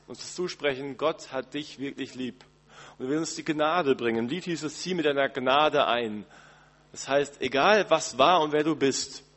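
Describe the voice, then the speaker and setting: A male pastor gives a Christmas Eve sermon in a gentle, conversational way, speaking straight to his listeners. His voice is a little breathy and husky. The sound carries a long reverb from the church around him. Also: fairly high pitch. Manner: gentle, conversational preaching with direct address.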